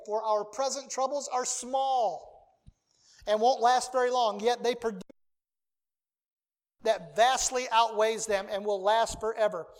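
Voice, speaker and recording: A preacher delivering a sermon, reading scripture aloud and driving points home by repeating key phrases. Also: medium pitch.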